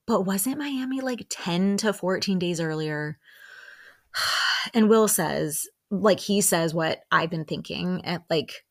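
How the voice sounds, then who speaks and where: A young woman chats through a reality TV reunion on her podcast. Her voice sits a little low, and she fills her talk with "like." Her voice rises sharply when she acts out what others said. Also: takes it slowly. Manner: chatty, says "like" often, acts out quotes in higher voices. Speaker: podcast host recapping reality TV. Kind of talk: casual chat.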